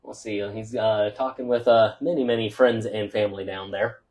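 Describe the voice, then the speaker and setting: His voice on the low side and his tone steady, a male local radio sports broadcaster talks at a normal speed through a loud, chatty postgame summary of scores and stats, with many "uh" fillers. He's up in a press box above a football field.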